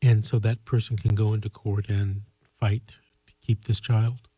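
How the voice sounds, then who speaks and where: A man hosts a call-in show in a dark, husky voice at an average pitch. He offers legal advice conversationally, with earnest, measured phrasing. The recording is very dry. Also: flat delivery, dry recording.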